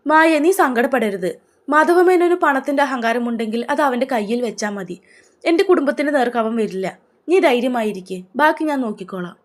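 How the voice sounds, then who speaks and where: A woman voicing a young man who stays calm while holding back anger in a narrated story, speaking firmly. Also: a little high, a little fast, close to an everyday voice. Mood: determined. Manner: firm and resolute.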